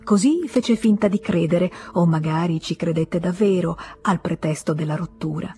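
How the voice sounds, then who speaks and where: Lettrice con voce molto velata e bassa. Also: female voice, moderate pace, slightly rough, faint music behind. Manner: expressive, voices the characters' dialogue with feeling. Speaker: audiobook narrator. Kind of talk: dramatic literary reading.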